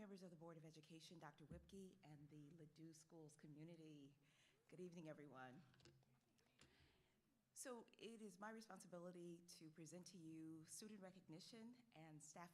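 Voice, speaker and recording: A woman's voice: sits low, brisk, a little hiss or hum. A woman giving a formal address at a meeting as a presenter. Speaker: school district presenter.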